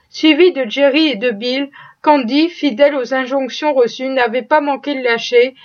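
A woman reading a classic novel aloud as audiobook narration, steady and expressive. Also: high voice. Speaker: audiobook reader. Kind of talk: scripted narration. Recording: dull lo-fi recording.

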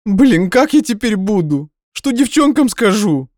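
A man voicing a hysterical young woman who shouts through tears in an audiobook. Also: huge pitch swings, brisk, husky, no echo, studio quality, exaggerated voice. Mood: furious, tearful. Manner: shrill, sobbing outbursts.

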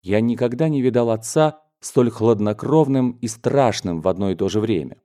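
A man reading a classic novel aloud as an audiobook narrator, in a steady, dramatic storytelling manner. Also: mid-range voice, normal speed. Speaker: audiobook reader.

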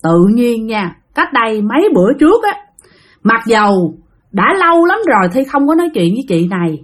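A woman's voice: on the high side, sing-song, moderate pace. A woman telling a spooky story in a casual, chatty way, speaking straight to her listeners. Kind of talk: casual spoken ghost story.

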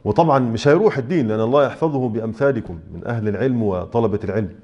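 A man with an Egyptian accent teaching Quran recitation rules. He asks rhetorical questions and sounds out letters slowly and repeatedly. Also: mid-range voice, a little mellow, lo-fi sound. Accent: Egyptian Arabic. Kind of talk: explaining tajweed rules in class.

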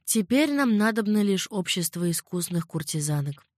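A woman's voice: medium pitch, big pitch swings, normal speed, no room sound. Confident young captain, friendly and sure, woman reading, dry sound. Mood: assured.

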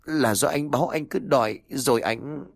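A man's voice: mid-range voice, moderate pace, gravelly, dry recording, studio quality, voice pushed up. A man voicing a suffering young pregnant wife in an audio story, with a plaintive, pleading manner.

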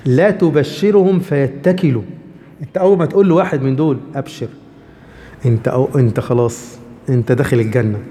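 A man's voice: medium pitch, animated, very fast, dark tone, big-room sound. A man with an Egyptian accent, explaining religious texts to a class and checking in with rhetorical questions. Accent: Egyptian Arabic. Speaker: religious teacher.

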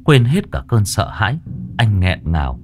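A man tells a ghost story in a dramatic, expressive style. His voice sits very low yet rises and falls with lively swings. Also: normal speed, soft background music.

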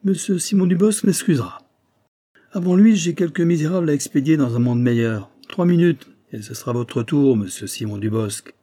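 A man's voice: a little high, normal speed, voice pushed up, lightly acted. A man voicing a jeering drunken despot. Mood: mocking. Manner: jeering, gleeful menace with sudden shouts. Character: drunken cruel male despot, mocking and bloodthirsty.

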